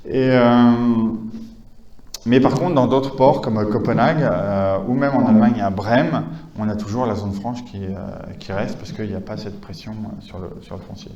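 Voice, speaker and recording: A man's voice: on the low side, normal speed, a little mellow, reverberant, dull audio. A man giving a conference lecture, talking with many hesitations, fillers and restarts. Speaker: conference speaker.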